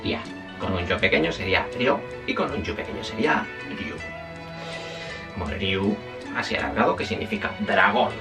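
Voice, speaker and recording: A man's voice: lowish voice, animated, moderate pace, vocal fry, distant mic, music in the background. A man teaching a casual spoken language lesson, chatty and self-correcting, often checking in with his listeners.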